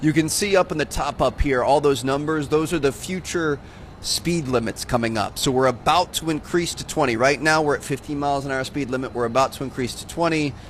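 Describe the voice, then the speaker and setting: A man's voice: on the high side, fairly quick, a little hiss or hum. A young man hosting a gaming channel, giving laid-back, chatty commentary while he plays and often saying "dude". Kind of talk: casual gameplay commentary.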